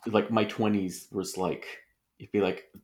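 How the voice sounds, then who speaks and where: A man co-hosting a podcast in casual chat, often halting and rephrasing mid-sentence. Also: fairly low pitch, steady tone, a little mellow. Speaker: podcast co-host.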